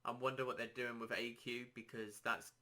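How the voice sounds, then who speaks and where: A man hosting a casual solo podcast, rambling and self-deprecating, his throat a little dry and hoarse. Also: mid-range voice, level tone, moderate pace, bright, forceful tone. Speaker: podcast host.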